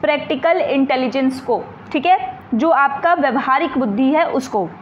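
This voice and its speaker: A woman with a high voice explains exam answers one by one, often asking a question and answering it herself. She reads the English question text slowly and carefully. The recording sounds dull and muffled, with a faint hiss underneath. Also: lively intonation. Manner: explains step by step, asks and answers her own questions. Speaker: teacher. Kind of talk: exam question walkthrough lesson.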